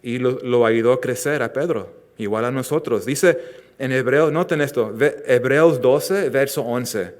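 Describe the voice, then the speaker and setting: A man preaching a sermon as pastor, earnest, rising loud for emphasis and dropping soft and slow on tender lines. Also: medium pitch. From Southern California. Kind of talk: expository sermon.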